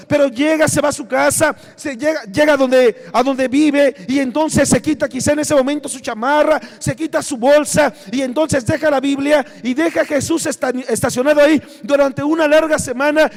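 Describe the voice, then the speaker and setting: A man's voice: extremely high pitch, vocal fry. A man with a Mexican accent preaching a passionate sermon as pastor, acting out prayers and biblical figures. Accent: Mexican Spanish. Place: church. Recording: long reverb from a church hall.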